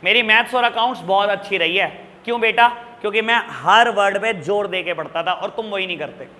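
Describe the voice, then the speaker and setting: A man teaching accounts to a room of students, his voice high and keenly bright. He scolds them in a fatherly way and keeps throwing rhetorical questions at the class. The sound carries a long, echoing reverb from the classroom. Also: a little fast. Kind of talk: classroom lecture.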